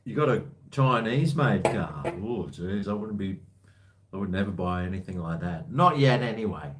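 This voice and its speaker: Fairly low in pitch and animated, a livestream host talks at normal speed over slight background noise. He answers viewer comments in a laid-back, rambling style peppered with blokey slang.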